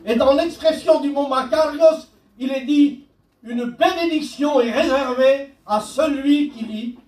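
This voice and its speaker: A man preaching a sermon as pastor, speaking slowly and deliberately and quoting scripture. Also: very high-pitched, a little mellow. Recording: echoey church hall, mic at a distance.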